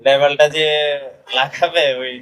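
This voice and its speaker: A man's voice: a little high, fairly even intonation, unhurried, smooth. A Bangladeshi man who owns a bakery, answering an inspector's questions hesitantly and defensively, often calling him sir. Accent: Bangladeshi Bengali. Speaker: bakery owner being inspected. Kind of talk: defensive replies under questioning. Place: bakery premises, indoors.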